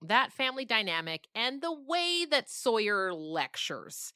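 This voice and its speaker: A woman novelist with a high-leaning, bright, forceful yet smooth voice tells stories in an interview, very animated but unhurried. She speaks emphatically and often checks in with the listener. The recording is clean studio sound with no room tone.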